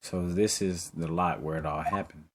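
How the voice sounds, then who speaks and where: A man's voice: sits low, fairly even intonation, moderate pace, heavy background noise. A man voicing a young male defense attorney in a game reading, stammering and earnest.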